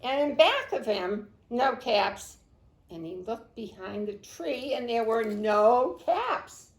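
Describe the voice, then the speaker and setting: A woman librarian reading a picture book aloud to children, expressive and unhurried, praising the kids by name. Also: a little high. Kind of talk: storytime read-aloud. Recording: roomy echo.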